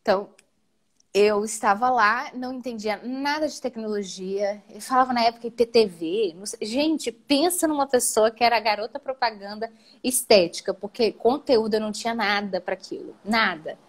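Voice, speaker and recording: A woman with a Brazilian Portuguese accent telling her own story as an interview guest. She speaks in an animated way, often adds "né?" and leaps up in pitch. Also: moderate pace. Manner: animated, with frequent "né?" tags and sudden jumps up in pitch. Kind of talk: emotional personal storytelling in a live interview.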